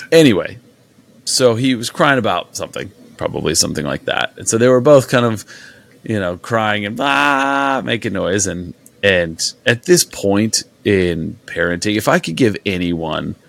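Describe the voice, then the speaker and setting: A young man with a somewhat low, gravelly voice hosts a podcast. He talks in a loose, rambling way and leans on fillers as he shares a story with his co-host. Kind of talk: casual chat.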